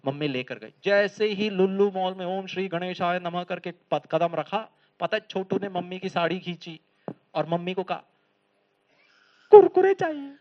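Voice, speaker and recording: A high-voiced man delivers a motivational lecture, full of humorous stories and quick questions to his listeners. He sounds lively and talkative. The recording is slightly dull and lo-fi. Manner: lively, humorous storytelling, asks the audience questions. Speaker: spiritual lecturer. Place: lecture hall.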